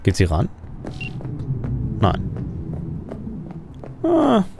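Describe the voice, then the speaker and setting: A man's voice: fairly high pitch, wildly swooping pitch, very slow, gravelly, noisy background. Rambling man commentating a video game. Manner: rambling, thinking aloud with frequent questions. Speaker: let's play gamer. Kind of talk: casual gameplay commentary.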